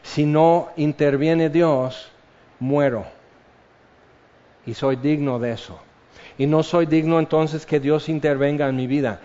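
Slow preacher, dull recording. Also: male voice, a little high, steady tone, dark tone. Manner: slow, measured preaching with repeated phrases. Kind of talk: sermon. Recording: dull lo-fi sound.

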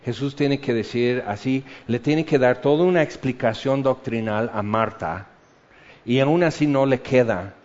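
A man preaching a sermon, animated, swinging between loud bursts and hushed, intimate passages. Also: mid-range voice, measured pace. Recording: dull lo-fi sound.

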